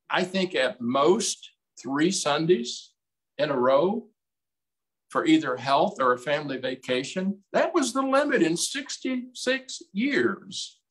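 A man in his eighties preaching a sermon as pastor, slow and emphatic in a folksy way, recorded on a desk mic in a small room. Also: a little high, fairly bright tone, rough recording. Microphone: desk mic on stand, streamed over video call.

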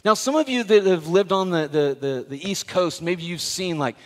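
A middle-aged male pastor delivers a sermon in a slightly high voice. He moves between forceful emphasis and quiet, hushed asides, with easy self-deprecating humor. His voice carries a long reverb from a church sanctuary. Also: moderate pace.

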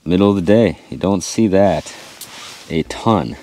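A man in his thirties vlogging from inside an ice-fishing tent, talking excitedly to viewers while reeling in fish, picked up by an action camera mic. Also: low voice, unhurried. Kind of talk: excited play-by-play vlog.

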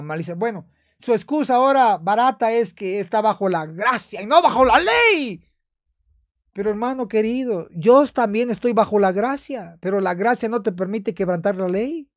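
Emphatic high-voiced man pastor. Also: lively intonation, moderate pace, no echo, studio quality. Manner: emphatic, repeats phrases. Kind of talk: sermon-style video commentary.

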